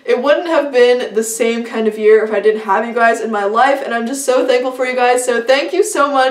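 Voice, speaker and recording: A young woman vlogs to the camera from a small indoor room in front of a plain wall, her voice fairly high and a little fast. She's chatty, upbeat and casual, packing in fillers, and the distant mic leaves the sound reverberant.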